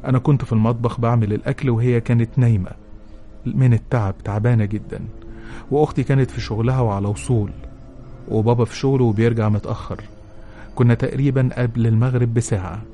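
A man's voice: mid-range voice, mellow, slight background noise. A man with an Egyptian Arabic accent, a show host who reads a listener's letter with emotion and then gives advice. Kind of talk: dramatic reading and advice.

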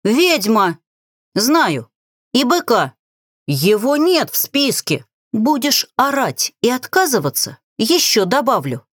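A woman voicing a shrill, frightened bald trader. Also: sing-song, slow pace, no room sound, clean studio sound, heavily acted. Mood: indignant. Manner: shouting, shrill and indignant.

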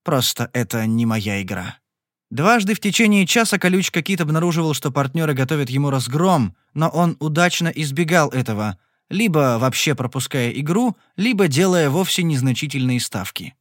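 A man narrating an audiobook in an even, measured reading. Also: a little high, dry recording. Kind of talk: scripted narration. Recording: dry close studio recording.

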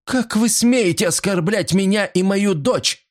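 A man voicing a furious middle-aged woman accused of crimes, shrill and screaming in an audiobook. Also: expressive, unhurried. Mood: hysterical.

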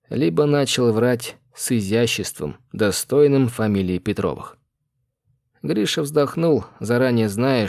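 A man reading an audiobook in a measured, even storytelling manner. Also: fairly low pitch, no room sound, studio quality. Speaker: audiobook narrator. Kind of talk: scripted narration.

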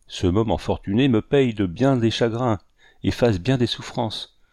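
A humble, deferential colonial general, as a male audiobook reader puts him on, speaking with feeling. The voice is low and dry, read close to the mic. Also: a little slow, a little mellow, no room sound. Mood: moved.

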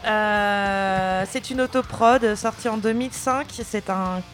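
A woman's voice: mid-range voice, slow pace, soft background music. Wry female radio co-host. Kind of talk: casual radio banter.

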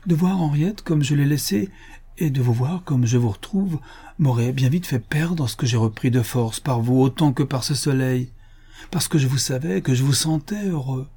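A man reading the part of a gentle older mother, a countess, pleading affectionately with her future son-in-law. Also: medium pitch, moderate pace, husky, natural voice. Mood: tender pleading. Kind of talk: audiobook character reading.

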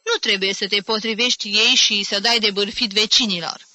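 A refined older aunt speaks with a measured, put-on calm, as a woman reads her in an audiobook. The sound is bright and dry. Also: mid-range voice, no room sound. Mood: affected calm. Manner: affected, slow, refined. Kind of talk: audiobook reading.

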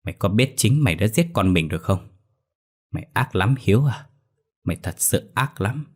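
A man's voice: fairly low pitch, very animated, quick pace, darkish tone, slightly rough. A man voicing a bitter young concubine who sobs and screams accusations in a ghost story reading. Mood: venomous.

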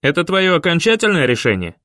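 A man's voice: fairly high pitch, sing-song, brisk, a bit bright, no room sound, clean studio sound, pitched above the performer's own voice. A man voicing a hostile bearded gunman who barks his words with contempt. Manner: barking, contemptuous.

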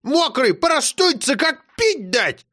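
Guy doing a loud bossy old granny, way up high, scolding nonstop, storybook reading. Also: sing-song, measured pace, full character voice. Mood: scolding shouts. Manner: shrill scolding shouts. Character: bossy loud old grandmother, fussy and domineering.

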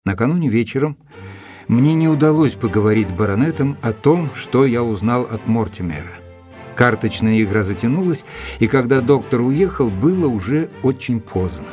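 An actor playing Doctor Watson, a courteous, persistent gentleman, narrating and speaking in a measured, formal way in an audio drama. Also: medium pitch, expressive, soft background music, natural voice. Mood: reflective, measured.

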